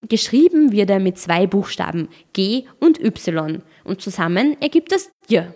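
A woman with a mid-pitched voice narrates a scripted explainer. Her delivery is clear and explanatory, with a light playful touch at the ends of points. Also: sing-song, a little slow, a little mellow.

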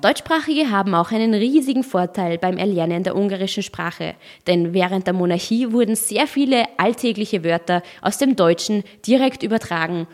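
Narrating a scripted explainer, a woman speaks with a mid-pitched voice in a clear, explanatory style. Her points tend to end on a lightly playful note.

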